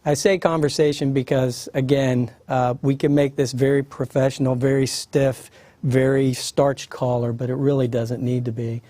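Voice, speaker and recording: A man in his fifties hosts a panel as its moderator. His voice is warm and mellow, recorded dry and close. He talks in a relaxed, conversational way, with plenty of fillers. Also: mid-range voice, moderate pace, dry recording. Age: 50s. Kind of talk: panel discussion.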